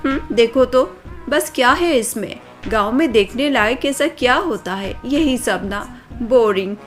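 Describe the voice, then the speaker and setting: A spoiled rich young city girl, played by a woman storyteller, brags and sulks in a dismissive, drawn-out way. The voice sits a little high. Soft music plays underneath the storybook audio. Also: animated. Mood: snooty. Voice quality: boastful, dismissive, drawn-out complaining. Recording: faint background music.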